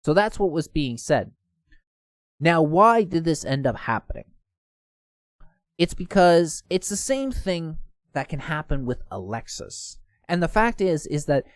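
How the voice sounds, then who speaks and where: A man's voice: on the high side, dry recording, studio quality. A man hosting casual online news commentary, reading posts aloud and stumbling now and then. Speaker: host.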